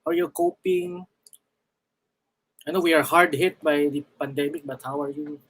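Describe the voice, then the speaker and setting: A man's voice: on the high side, huge pitch swings, gravelly, fairly bright tone, poor audio. Hesitant Filipino man moderating a panel. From Philippines. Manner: halting, many fillers and restarts. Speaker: festival director and Q&A moderator. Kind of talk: live online Q&A panel.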